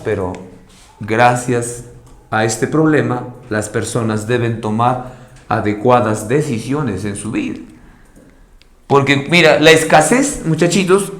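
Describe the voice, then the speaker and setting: A man with a Peruvian accent teaching an economics class, lively, acting out students and parents as he goes. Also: mid-range voice. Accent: Peruvian Spanish. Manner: animated, acts out student and parent voices. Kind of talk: classroom lecture. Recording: echoey room with faint noise.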